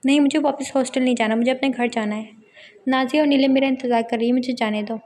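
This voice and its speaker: A woman's voice: high-pitched, fairly even intonation, fast talker, darkish tone, slight background noise, close to an everyday voice. A woman reading the part of a stubborn young female student, indignant and defiant, in a romance novel.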